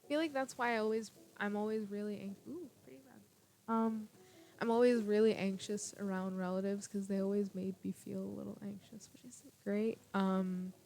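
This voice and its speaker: A woman's voice: mid-range voice, steady tone, normal speed, vocal fry, mellow, a little hiss or hum. A young woman chatting casually on a livestream from her room, giggling and trailing off into tangents with lots of fillers. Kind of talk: casual rambling storytelling. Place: at home, own room. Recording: livestream with background music. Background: music playing.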